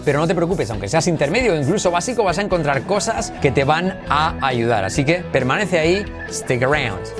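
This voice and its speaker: A man hosting an energetic English lesson, repeating phrases slowly for learners. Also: on the high side, music in the background. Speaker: English teacher, channel host. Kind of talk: energetic online language lesson.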